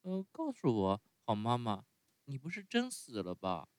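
A man voicing an eager, excitable wooden puppet boy in a high squeaky voice, often starting with a hesitant "uh". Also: a little slow, no room sound. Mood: pleading. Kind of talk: bedtime story reading.

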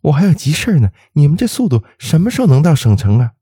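A man voicing a calm, mysterious young woman of about twenty-five in a spoken ghost story, light and lilting. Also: medium pitch, moderate pace, breathy edge, no echo, clean studio sound, voice pushed up, lightly acted. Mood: breezy.

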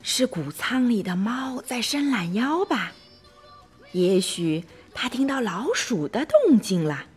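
Bedtime storybook figure, woman playing a calm, sleepy male friend, slow and soothing, soft music. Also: mid-range voice.

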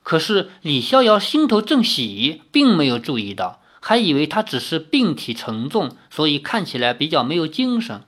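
A reader narrating a novel in an expressive storytelling manner. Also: medium pitch, moderate pace, few pauses. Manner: expressive, shifting voices for dialogue.

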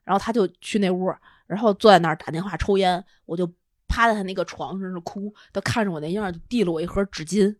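A woman podcast co-host, telling a personal story in casual chat, animated and often breaking into laughter. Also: medium pitch, fast, dry recording, studio quality. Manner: animated, laughing storyteller with lively quoted dialogue.

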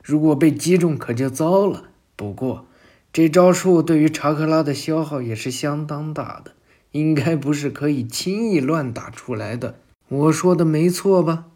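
A man's voice: fairly high pitch, normal speed, a little mellow, lightly acted. A man voicing a determined middle-aged male ninja leader, speaking earnestly and shrewdly.

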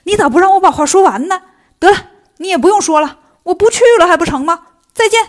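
A woman's voice: high voice, close to an everyday voice. Storybook monkey king, male, brash and teasing, voiced by a woman storyteller. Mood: indignant. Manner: brash, teasing, quick to anger. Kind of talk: storytelling for children.

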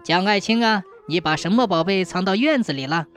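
A woman's voice: mid-range voice, expressive, brisk, faint music behind, lightly acted. A woman voicing a jovial, greedy male emperor who laughs and teases his officials. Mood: playful regal. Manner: laughing, mock-regal. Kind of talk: storytelling with acted dialogue.

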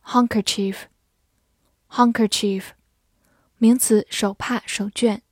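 Female vocabulary tutor, slow deliberate delivery, spells words out, dry studio voice. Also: fairly high pitch, fairly even intonation, a little mellow, slightly rough, no room sound. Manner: slow, careful spelling and model reading. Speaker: English teacher. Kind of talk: vocabulary lesson narration.

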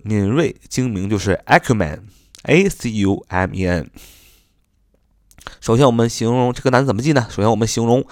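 Chinese guy teaching english vocab, low voice, spells out every word, dry close sound. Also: a little mellow, no echo. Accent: Mandarin Chinese. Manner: spells words letter by letter and repeats them slowly. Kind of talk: spoken vocabulary lesson.

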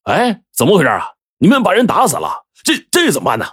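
A man's voice: medium pitch, big pitch swings, moderate pace, no echo, clean studio sound. A man voicing a scheming, ruthless male village militia captain who talks in a drawling, officious and menacing way. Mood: feigned alarm.

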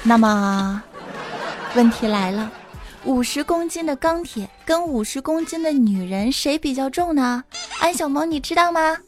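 A woman hosting a comic podcast, telling jokes and teasing her audience in a playful, animated way. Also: high-pitched, a little slow. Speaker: podcast host. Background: background music.

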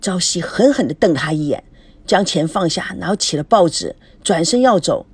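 A woman narrating an audiobook story in an expressive, lively storytelling manner. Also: lowish voice, normal speed, breathy edge, no echo.

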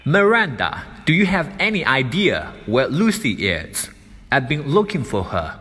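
A man reading a concerned friend's dialogue lines slowly and carefully. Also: medium pitch, big pitch swings, a bit bright, slightly rough, pitched above the performer's own voice, exaggerated voice. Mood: asking. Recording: long reverb.

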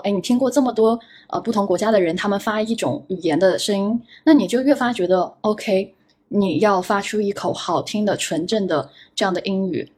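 Husky-voiced woman podcast host. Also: medium pitch, a little mellow. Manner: storytelling, self-deprecating, repeats words. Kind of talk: reflective casual chat.

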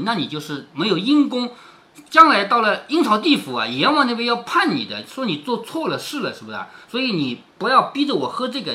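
A man's voice: sits high, bright, forceful tone. A man reading a classic novel aloud to his daughter, stopping often to explain it in chatty asides with rhetorical questions.

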